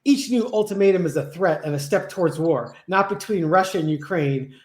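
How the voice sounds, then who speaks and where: A man's voice: high-pitched, a little fast. Chatty man in a roomy echo. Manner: relaxed, chatty, laughs often. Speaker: tarot reader and co-host. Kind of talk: casual chat.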